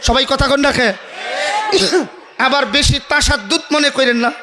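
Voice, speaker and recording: A man preaching a sermon, loud and emphatic, often calling on the crowd to answer him. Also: very high-pitched, steady tone, normal speed.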